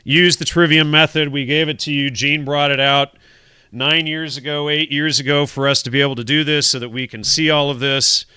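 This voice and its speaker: Man, talk show host, casual rambling chat, very bright tone, dry close mic. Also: a little high, fairly even intonation, normal speed, clean tone, dry recording. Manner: rambling, repeats words while pleading for donations. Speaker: podcast host.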